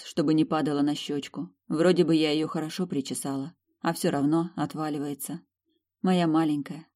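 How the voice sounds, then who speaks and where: A woman's voice: low voice, dark tone. A woman narrating a fantasy novel in the first person, with emotional, intimate storytelling. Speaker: audiobook narrator.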